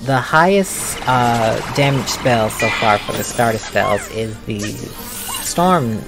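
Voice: mid-range voice, expressive, slow, poor audio. A gamer giving casual let's play commentary, with playful, sarcastic asides. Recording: commentary over clear game music.

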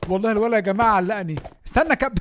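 A young man with an Egyptian Arabic accent giving excited gameplay commentary as a gaming YouTuber, often shouting and laughing. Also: high-pitched, racing, a little hiss or hum.

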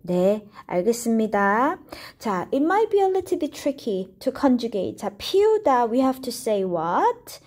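A woman teaching Korean, explaining grammar in English and modelling short dialogue lines slowly for learners to repeat. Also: a little high, sing-song, a little mellow. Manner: plays both roles in short dialogue drills. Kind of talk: slow bilingual lesson with repeat-after-me drills.

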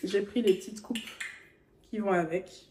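A woman's voice: medium pitch, a little slow, noisy background. A young woman vlogging in a casual chat, talking straight to the viewer. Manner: chatty, talks straight to the viewer. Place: at home.

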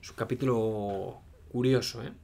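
A man's voice: medium pitch, fairly even intonation, moderate pace, vocal fry, mellow, a little hiss or hum. A man giving casual running commentary as a reaction host, in short dry remarks.

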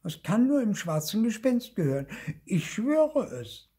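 A man voicing a small, whiny young boy ghost who pleads and wails in a high, slow voice. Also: sing-song, mellow, husky, heavily acted. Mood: insistent. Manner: pleading, wailing.

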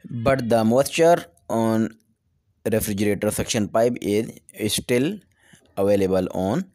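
A man's voice: lowish voice, lively intonation, a little slow, warm tone. Pakistani-accented man giving repair instructions. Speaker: technical tutorial host.

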